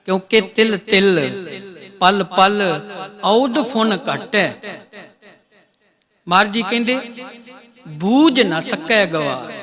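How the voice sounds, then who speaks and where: A man's voice: high voice, pushed and bright. A man with a Punjabi accent giving a Sikh religious discourse, drawing out phrases and half-singing scripture lines. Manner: drawn-out chanted phrases with sung quotes. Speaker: kirtan preacher. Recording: live crowd behind.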